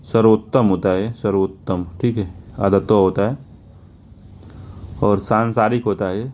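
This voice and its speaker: A man's voice: on the low side, steady tone, measured pace, a little mellow, lo-fi sound. A male teacher working through exam questions one by one, often repeating answers and checking with "theek hai". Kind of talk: exam answer walkthrough lesson.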